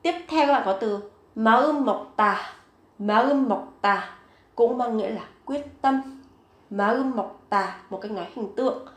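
A woman teaching a vocabulary lesson, saying each word several times, slowly and clearly. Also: a little high, reverberant. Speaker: Korean language teacher.

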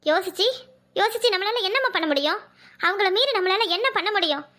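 A woman voicing a heartbroken, resigned young village bride in a cartoon, soft and tearful, with a Kanyakumari Tamil accent. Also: very high-pitched, animated, fairly quick, full character voice. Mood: despairing.

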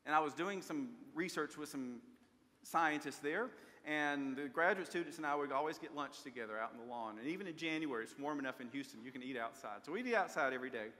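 The speaker is an older pastor preaching from a church pulpit in a large sanctuary, sharing earnest stories and asking rhetorical questions. He talks fast in a slightly high voice that sounds pushed and bright. A pulpit mic and far camera capture him, and the church reverb is long.

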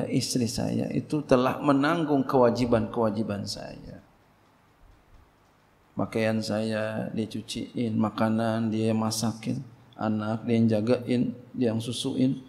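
A middle-aged man teaches a religious book lesson. His delivery is lively and theatrical, jumping sharply up in pitch to make a point. His voice sits at an ordinary middle pitch and trails off into a long hall reverb. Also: gravelly. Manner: animated, acts out quoted dialogue, big pitch leaps. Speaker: Islamic teacher.

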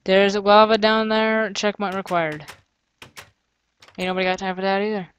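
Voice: mid-range voice, flat delivery, normal speed, fairly bright tone, smooth, lo-fi sound. A gamer giving casual let's-play commentary, thinking aloud, grumbling and joking sarcastically. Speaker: gamer playing through a custom map.

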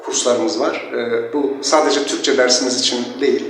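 A man who teaches languages, explaining in an unscripted interview with frequent hesitant pauses. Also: mid-range voice, fairly even intonation, fairly bright tone. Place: classroom indoors. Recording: echoey room, distant mic, faint noise.

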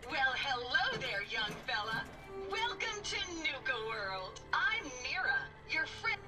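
A woman voicing a cheerful female robot park greeter in a video game, with a metallic robot effect and a slow, sales-pitch delivery. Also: sing-song, exaggerated voice. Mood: welcoming. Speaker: game character. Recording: distant game audio with faint music.

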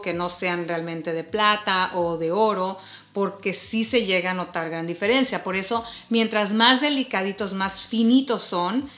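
Forties woman vlogger, friendly advice to camera, recorded in an echoey bedroom. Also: medium pitch. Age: 40s. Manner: warm chatty tips, addresses viewers as "hermosas". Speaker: fashion and beauty vlogger. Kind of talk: casual advice vlog to camera. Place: bedroom, seated before a bed. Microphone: camera at chest framing. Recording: roomy bedroom echo.

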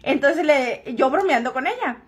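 High-voiced joking woman. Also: expressive, moderate pace. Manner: joking, frank and crude-spoken. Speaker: vlogger. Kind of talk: casual storytelling to camera.

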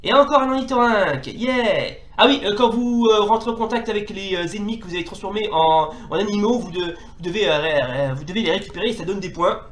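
A man with a fairly high voice narrates his run through a retro arcade brawler, getting worked up and telling off the enemies as he stammers and restarts his sentences. The sound is roomy, with a clear echo off the walls. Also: brisk, hardly any pauses. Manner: excitable, scolds enemies out loud, stammers and restarts. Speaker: retro gaming YouTuber. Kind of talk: let's play commentary.

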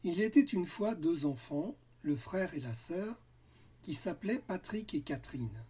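A man narrating a children's cartoon tale in a slow, gentle storytelling manner with dramatic pauses. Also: on the high side, expressive, breathy edge.

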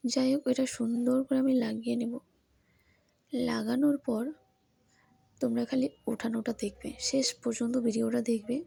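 A woman giving a casual beauty tutorial at home in the early morning, speaking softly and often whispering so as not to wake anyone. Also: fairly high pitch, gravelly, husky, no room sound. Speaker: beauty vlogger.

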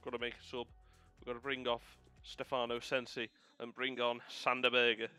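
A man's voice: mid-range voice, moderate pace, clean tone, no echo, faint music behind. A man casually commenting on his own football video game match, calling the play like a commentator and swearing when things go wrong. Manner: calls the play like a commentator, excitable on goals, swears when frustrated. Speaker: gaming video host.

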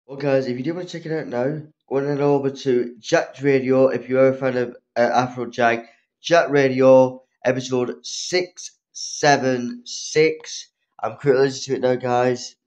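Young man, dull lo-fi phone audio, casual vlog chat, halting and low-key, middling pitch, sounding under the weather with a cold. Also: fairly even intonation, a little mellow. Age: young adult. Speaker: vlogger. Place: small room at home. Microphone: phone at arm's length.

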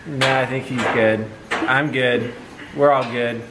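Man dairy farmer, steady matter-of-fact explainer, open barn, camera nearby. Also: mid-range voice, slow pace, noisy background. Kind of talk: casual farm vlog talk. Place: open-sided barn outdoors.

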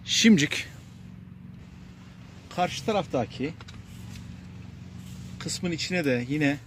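A man calmly talking viewers through a repair job step by step, pausing often with fillers as he works. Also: fairly high pitch, background noise. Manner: plain and unhurried, addresses viewers as friends, frequent filler pauses. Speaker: DIY repair presenter. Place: workshop bench and outdoor paved yard.

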